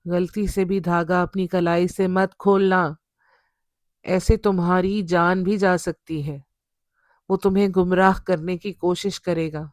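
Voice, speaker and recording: Brief: woman reading an older holy man, grave and reassuring, low, dry tone. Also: flat delivery, darkish tone, no echo, lightly acted. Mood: solemn. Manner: slow, reassuring, solemn. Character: older male religious healer, calm and grave.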